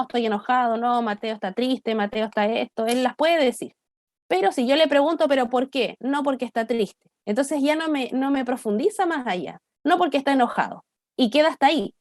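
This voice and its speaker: A woman's voice: high-pitched, darkish tone, no echo, clean studio sound. A young adult woman from Chile, giving a church talk on child development to parents in a conversational way, often checking in with her listeners. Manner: conversational, asks "¿cierto?" often. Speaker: parenting workshop speaker.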